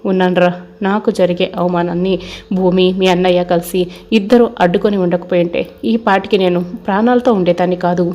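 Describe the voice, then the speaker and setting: A woman voicing a distraught mother of grown children, read in a subdued, even tone. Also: lowish voice, a little fast, lightly acted. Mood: distressed.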